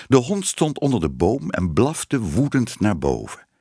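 A man's voice: on the low side, wildly swooping pitch, unhurried, dark tone, slightly rough, dry recording, clean studio sound. A man reading a children's story aloud as narrator, voicing the characters expressively.

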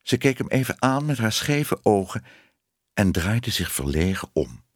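A man narrating a children's storybook aloud in an expressive way. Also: lowish voice, a little slow, dry recording, studio quality. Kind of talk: audiobook reading.

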